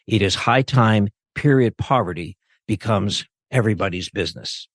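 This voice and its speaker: A man hosting a podcast. He reads a formal introduction in a measured way and then asks looser, conversational questions. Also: lowish voice, no room sound, clean studio sound. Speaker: podcast host. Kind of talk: scripted introduction and interview questions.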